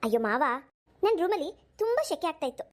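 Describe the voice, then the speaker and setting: A woman's voice: very high voice, big pitch swings, fast talker, darkish tone. A woman voicing a teasing young cousin. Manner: teasing, innocent-sounding. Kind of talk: cartoon voice acting.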